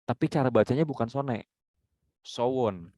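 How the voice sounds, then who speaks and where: A man's voice: on the low side, fairly quick, no room sound. A man mentoring journalism students, giving direct, instructive feedback and demonstrating intonation himself. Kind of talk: coaching critique.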